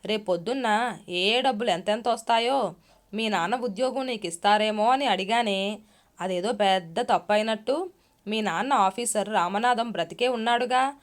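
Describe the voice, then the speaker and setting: A woman's voice: medium pitch, moderate pace, natural voice. Woman reading as a shrewish scolding mother. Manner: harsh, cursing, shouting. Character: scolding shrewish middle-aged mother, loud.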